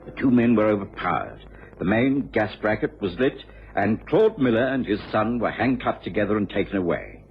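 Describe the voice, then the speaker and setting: An actor playing a loyal, grumbling English doctor, telling and acting a radio detective story. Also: male voice, lowish voice, lively intonation, normal speed. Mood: grave storytelling. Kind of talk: old-time radio drama acting and narration. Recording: dull, hissy old radio recording.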